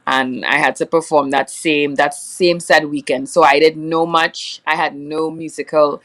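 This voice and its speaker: Here the same kind of guest, a young soca singer from Trinidad with a Trinidadian accent, rambles through a casual interview full of fillers and frequent laughter. She speaks at a measured pace in a low-pitched, slightly bright voice with fairly even intonation.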